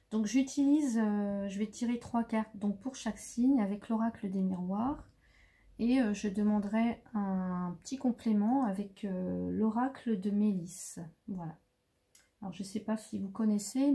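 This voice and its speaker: A woman's voice: mid-range voice, dark tone. A French woman doing a casual tarot reading, hesitant and full of fillers, murmuring as she draws cards. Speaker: tarot card reader.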